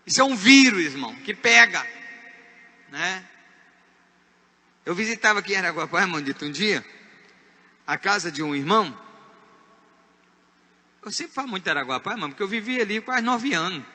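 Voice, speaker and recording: A man with a Brazilian Portuguese accent delivers a church sermon in a strikingly high, sharp voice. He moves between quiet confiding remarks and shouted emphasis. A long hall reverb trails each phrase. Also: lively intonation, moderate pace, pauses often. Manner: emphatic preaching, swinging from hushed asides to shouted points. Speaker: pastor.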